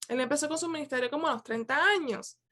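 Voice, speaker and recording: A woman leading a youth Bible class on a video call, talking in a relaxed way with many pauses and restarts. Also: high-pitched. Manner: conversational, with many fillers and restarts. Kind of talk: casual reflective teaching.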